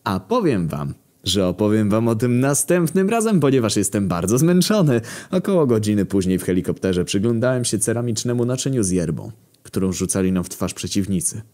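A man's voice: lowish voice, big pitch swings, brisk, hardly any pauses, warm tone. A man reading a scripted comic story in first person, dry and matter-of-fact with mock-heroic swagger. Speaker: story narrator.

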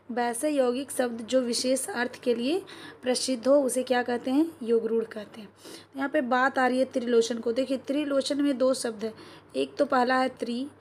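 With a little hiss or hum in the background, a woman teacher speaks in a high, darkish-toned voice with a Bihari Hindi accent. She goes through exam questions, quizzes the class and answers herself, and keeps checking whether it's clear.

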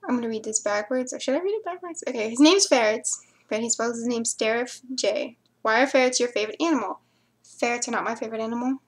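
A woman's voice: a little high, quick pace. A young woman chatting casually to camera, answering viewer questions and rambling into mumbled asides.

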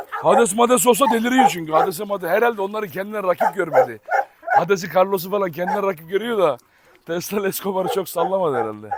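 A man vlogging outdoors as he handles his dogs, switching between affectionate baby talk and sudden shouts to keep them in line. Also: high voice, very noisy. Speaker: dog breeder and vlogger. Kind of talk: casual vlog narration while handling dogs. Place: outdoor yard with dog kennels.

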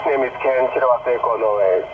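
A man with a Japanese accent answering a ham radio call over shortwave, reading call signs in halting, broken English with many pauses. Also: mid-range voice. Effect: heard over shortwave radio from a car receiver. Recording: muffled shortwave radio with loud static. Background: heavy radio static and hiss.

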